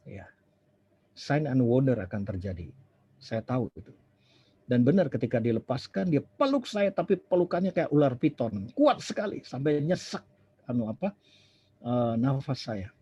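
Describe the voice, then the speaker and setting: A man's voice: mid-range voice, very animated, normal speed, dark tone, husky. A man, preaching a sermon as a chatty story, acting out dialogue and dropping in English phrases. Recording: dull lo-fi sermon recording.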